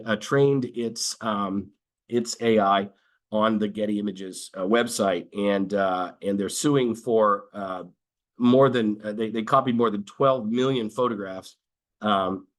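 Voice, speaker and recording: A man's voice: fairly low pitch, a bit bright. A man giving a webinar presentation as a lawyer, explaining in a conversational way with many fillers and restarts and occasional dry sarcasm.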